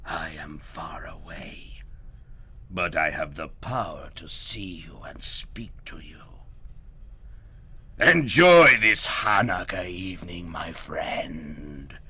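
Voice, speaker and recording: A man doing a slow whispering goblin king. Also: low-pitched, pushed and bright, breathy edge, voice pushed down, full character voice. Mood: menacing. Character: menacing goblin king, male, fierce.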